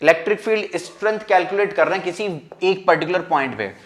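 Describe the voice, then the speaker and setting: Chatty man teaching physics. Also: high voice. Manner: informal, keeps checking if students understand; dictates definitions slowly word by word. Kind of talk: classroom lecture, mixing Hindi and English.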